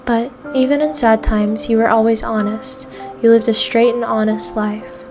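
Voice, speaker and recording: Woman voicing an ailing mother, soft, tender, reassuring, slightly high, faint music. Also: level tone, normal speed, lightly acted. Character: ailing mother, gentle and loving. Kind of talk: reading game dialogue aloud.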